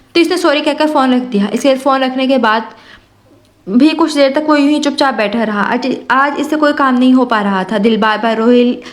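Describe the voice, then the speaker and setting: High-voiced woman narrating a novel. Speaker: audiobook narrator.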